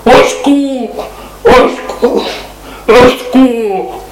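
A man voicing a frightened captive man who pleads and shouts in panic. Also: extremely high pitch, moderate pace, heavy background noise, pitched above the performer's own voice. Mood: panicked.

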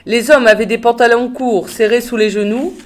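Woman, audiobook reading, steady, measured narration. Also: on the high side. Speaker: reader of a novel. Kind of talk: reading a novel aloud.

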